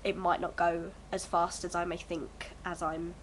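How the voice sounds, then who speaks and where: A woman's lowish voice comes through a little slowly and flatly on a low-quality recording with slight hiss or hum. She's an early-twenties vlogger with a cold, chatting casually at home to her camera in a hesitant, filler-packed ramble.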